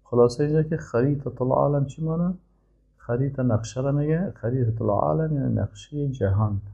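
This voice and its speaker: Gravelly-voiced teacher, man. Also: mid-range voice, mellow, highs cut off. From Afghanistan. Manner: reads Arabic sentences slowly, then explains them. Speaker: Arabic teacher. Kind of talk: explaining a grammar lesson.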